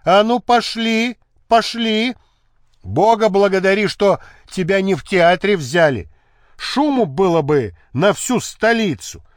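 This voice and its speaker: A man's voice: sits high, animated, measured pace, dry recording, studio quality. A man playing a brusque detective who gives curt commands, in an audiobook. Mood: commanding.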